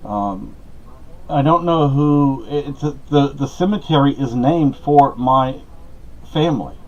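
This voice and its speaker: A middle-aged man speaks a little slowly in a darkish, mid-range voice, updating listeners on his life as a podcast host. The casual monologue rambles, sprinkled with asides and personal anecdotes, and the lo-fi audio is dull.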